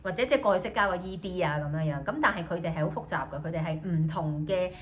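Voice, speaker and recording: This student's voice sits on the low side as she talks casually in a video diary. She's a young native Cantonese speaker from Hong Kong with a matching accent, and she often hesitates, fills gaps, and repeats each idea in English and then Cantonese.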